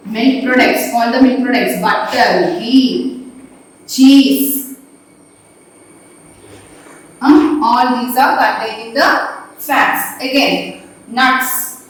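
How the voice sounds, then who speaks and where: Echoey far-off woman teacher at a board. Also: a little high. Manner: repeats points and quizzes the class. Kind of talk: classroom lesson at a board. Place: classroom.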